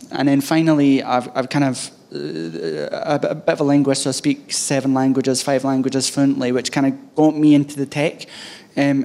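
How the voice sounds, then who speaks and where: A bank's head of DevOps, talking at a conference, delivers a casual tech talk in a thick, broad Scottish accent, hesitating and keeping things loose and chatty. His medium-pitched voice is gravelly with a slight mellowness.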